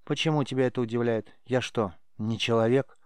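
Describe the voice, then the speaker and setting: A man's voice: medium pitch, a little fast, clear, resonant tone, dry recording, studio quality, lightly acted. A man voicing a restrained, good-natured young mage boy. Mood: calm. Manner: restrained, even-tempered.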